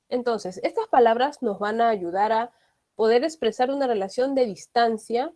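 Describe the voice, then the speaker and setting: Woman, English teacher, patient explanations, frequent tag questions, slightly high voice. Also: a little mellow. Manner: explanatory, often checks understanding with tag questions. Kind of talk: online grammar lesson.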